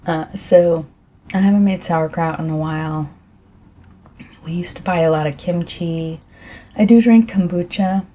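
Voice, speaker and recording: During an ASMR tea tasting, a middle-aged woman talks softly in a low-sitting, croaky voice, clearing her throat often. She rambles gently and unhurriedly, with plenty of fillers.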